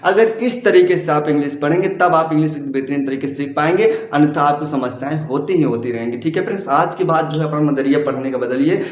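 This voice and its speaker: A man's voice: on the high side, fast talker, few pauses, recorded from a distance. A man teaching English letter sounds, who keeps asking questions and answering them himself and calls his viewers brother. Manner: repetitive, asks and answers his own questions. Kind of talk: classroom lesson. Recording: very echoey room, voice away from mic.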